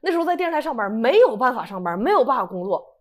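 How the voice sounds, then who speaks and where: Brief: woman, 30s, quick chatty storyteller, slightly high voice. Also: big pitch swings. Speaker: guest sharing a testimony. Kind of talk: casual testimony storytelling.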